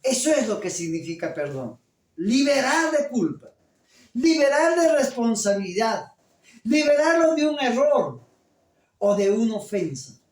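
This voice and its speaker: A pastor preaching a sermon at a deliberate pace and pausing to put questions to the congregation. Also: medium pitch, big pitch swings, darkish tone. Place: church. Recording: echoey church room, voice from a distance.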